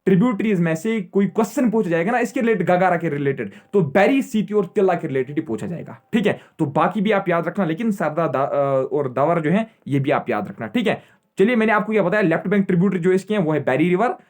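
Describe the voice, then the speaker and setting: A man's voice: sits high, expressive, fast, a little mellow. A young man teaching an exam-prep geography lesson, repeating key points, constantly checking in with his students and quizzing them before answering himself. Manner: repetitive, checks in with "theek hai" constantly.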